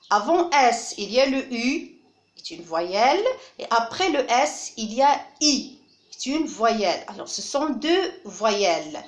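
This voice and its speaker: Woman teacher, North African French accent, slow and careful, lively melodic voice, echoey room. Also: fairly high pitch. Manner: slow, deliberate, repeats words to model pronunciation. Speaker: primary school teacher. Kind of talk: French phonics lesson for children.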